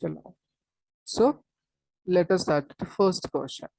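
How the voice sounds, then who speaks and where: A woman with an Indian accent teaching an online lesson in a halting, repetitive way, dropping in Hindi interjections. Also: lowish voice, warm tone, dry recording, rough recording. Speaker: chemistry teacher.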